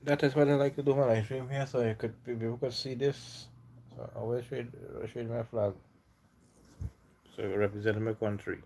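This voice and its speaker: A relaxed Trinidadian man hosts a casual livestream, chatting easily and reading viewers' comments aloud. His voice sits at an ordinary middle pitch for a man. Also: moderate pace, gravelly, a little hiss or hum. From Trinidad and Tobago. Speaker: livestream host.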